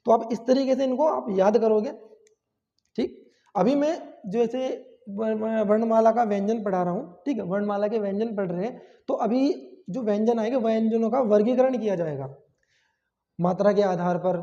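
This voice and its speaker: A man's voice: high voice, normal speed, warm tone. Male teacher in echoing hall. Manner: explains step by step, asks and answers own questions. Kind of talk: classroom grammar lesson. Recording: dull sound with long hall reverb.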